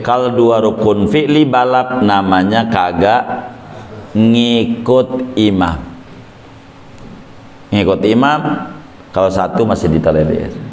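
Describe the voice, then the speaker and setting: A man teaching a weekly religious law lesson in a lively, joking way, acting out worshippers. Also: lowish voice. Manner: lively, jokey, acts out worshippers. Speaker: Islamic teacher. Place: prayer room. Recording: echoey prayer room.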